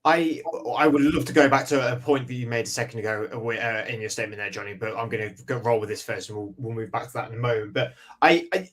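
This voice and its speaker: A man's voice: mid-range voice, fast talker, hardly any pauses, fairly bright tone. A man co-hosting a casual sports podcast, eager, listing facts with stumbling restarts. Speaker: podcast co-host.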